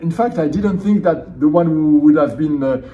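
A man's voice: fairly high pitch, animated, moderate pace, mellow, distant mic, muffled recording. A middle-aged man from France with a French accent, a theology professor answering interview questions thoughtfully, often restarting his phrases. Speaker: theology professor and seminary dean. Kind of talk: conference interview. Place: indoor conference room.

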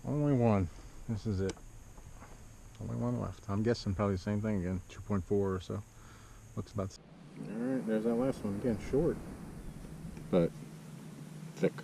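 Out on a lake in his kayak, a middle-aged man who fishes and hosts videos narrates casually in short, plain phrases. His voice is lowish with vocal fry, moving at a moderate pace broken by long pauses. The body- or kayak-mounted action camera gives muffled, dull sound and heavy outdoor noise.

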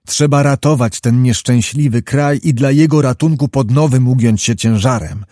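A man's voice: medium pitch, moderate pace, mellow, no echo, studio quality, natural voice. A man voicing a proud, embittered middle-aged prince who pleads and commands with grave passion.

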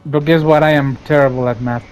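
A man bantering during a game, loud and excitable, cursing often and switching between English and Spanish. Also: a little high, muffled recording. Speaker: gaming streamer. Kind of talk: casual gaming banter.

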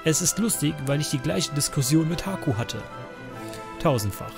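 A man's voice: fairly high pitch, animated, normal speed, vocal fry, over music, pitched above the performer's own voice. A man voicing a stern, protective old woman elder from a game, reading her lines in a lecturing, firm tone. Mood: amused.

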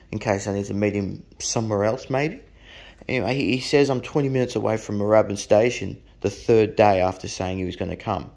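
A man's voice: fairly low pitch, vocal fry, a little mellow. An Australian man telling a blunt, profane anecdote in a rambling, casual way. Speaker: storyteller.

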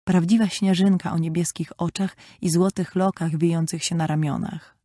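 A woman narrating a classic novel in a measured, expressive storytelling manner. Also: fairly low pitch, no echo, studio quality. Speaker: audiobook narrator. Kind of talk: scripted narration.

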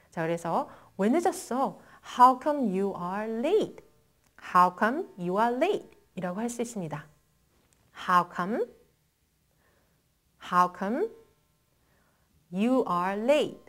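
Lively, slow-drilling teacher. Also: female voice, fairly high pitch. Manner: switches between quick Korean explanation and slow, deliberate English model phrases. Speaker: English teacher. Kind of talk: language lesson with slow drill repetitions.

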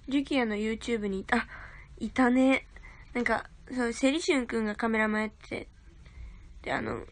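A woman's voice: a little high, moderate pace. A young woman livestreaming from her grandmother's house on her phone, chatting casually with viewers and thanking them for gifts. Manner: chatty, thanks viewers for gifts, talks of herself as a big sister.

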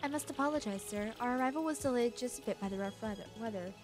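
A woman voicing a fussy, overly polite ship sailor in a hushed, deferential, formal way. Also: on the high side, fast talker, music in the background, lightly acted.

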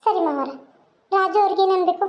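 A woman voicing a young orphaned wife in a cartoon, gentle and imploring. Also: extremely high pitch, a little fast, lo-fi sound. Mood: meek. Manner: tearful, imploring.

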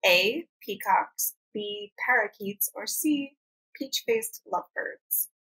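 A woman hosting a podcast, running a playful animal trivia quiz with frequent laughter and quick asides. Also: medium pitch, bright, forceful tone, slightly rough, rough recording. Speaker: podcast host and producer. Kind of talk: casual quiz chat.

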